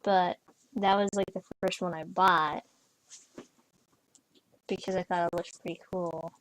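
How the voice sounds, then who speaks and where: A woman's voice: on the low side, fairly even intonation, a little slow, slight background noise, low-quality recording. A young woman chatting casually while playing a horse game, rambling with lots of fillers and restarts. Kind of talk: casual gameplay chat. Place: bedroom, on a bed.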